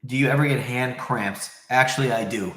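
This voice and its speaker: Recorded in a very echoey room, a man hosting a casual livestream rambles on while responding to viewers. He speaks at medium pitch and normal speed, with a sharp tone.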